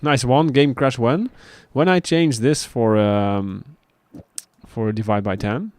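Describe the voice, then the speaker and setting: A man's voice: mid-range voice, slow, dry recording. A man from Finland, streaming a game and chatting casually with his viewers as he plays. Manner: relaxed, answers chat as he plays. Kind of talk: casual gameplay commentary.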